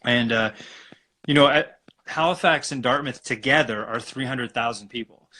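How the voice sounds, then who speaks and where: A man from Alberta, Canada, talking as a guest acupuncturist in a relaxed, rambling way over a video call. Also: medium pitch, normal speed. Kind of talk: casual live-stream interview.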